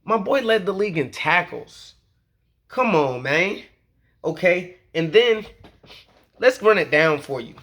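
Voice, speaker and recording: Slangy hype man, fairly high voice. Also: animated, a little slow, pauses often, a bit bright. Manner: slangy, hype, repeats "okay?" and "you feel me". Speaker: sports vlogger. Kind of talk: casual fan commentary.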